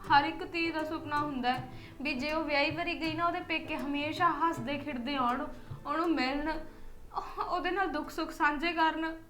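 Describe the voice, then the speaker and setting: A woman's voice: high voice, steady tone, normal speed, roomy sound. An actress playing a lonely young wife who plaintively voices her hurt in a family drama. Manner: plaintive, complaining softly.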